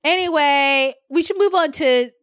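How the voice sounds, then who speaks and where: Woman podcast host, playful and teasing, unhurried delivery, dry studio mic. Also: sits high, a bit bright, no room sound. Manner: playful, jokey, laughs often. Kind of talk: casual comedic chat.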